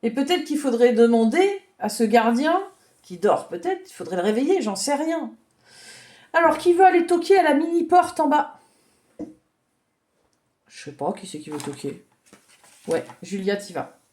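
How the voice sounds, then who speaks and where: A woman giving a gentle, chatty drawing lesson for children, thinking aloud as she tells a story. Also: high voice, very animated, normal speed, long pauses.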